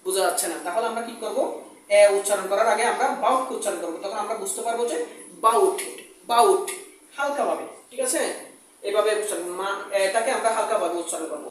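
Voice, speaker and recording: A woman's voice: medium pitch, fast talker, heavy reverb, far from the mic, a little hiss or hum, rough recording. A woman teaching English pronunciation in a classroom style, repeating example words and asking and answering her own questions.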